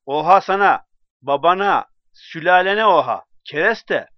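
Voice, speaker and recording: Man doing a rowdy drunk, brash and shouting, higher and swinging voice, dull dry sound in a storybook reading. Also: lively intonation, normal speed, dry recording, natural voice. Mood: belligerent. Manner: slurring swagger, shouting and taunting. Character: drunk loud middle-aged man, boastful and belligerent.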